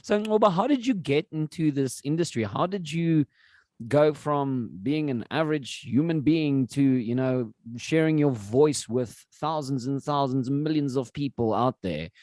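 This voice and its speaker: A man's voice: mid-range voice, measured pace, a little mellow, dry recording. A man hosting a casual podcast interview, eager and repeating himself as he talks. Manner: enthusiastic, repeats words. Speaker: podcast host.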